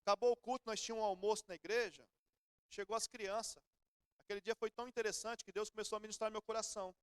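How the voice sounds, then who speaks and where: A man's voice: high-pitched, steady tone, quick pace, clear, resonant tone, dry recording, studio quality. A middle-aged Brazilian man preaching a sermon in church, telling everyday stories in a conversational way. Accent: Brazilian Portuguese. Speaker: pastor.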